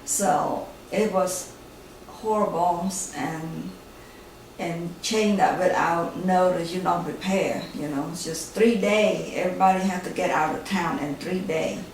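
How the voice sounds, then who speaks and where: A woman in her sixties with a Cambodian accent, telling her life story in an interview in halting, plain speech with many pauses. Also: lowish voice, fairly even intonation, a little hiss or hum. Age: 60s. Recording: echoey room, from far off, music behind.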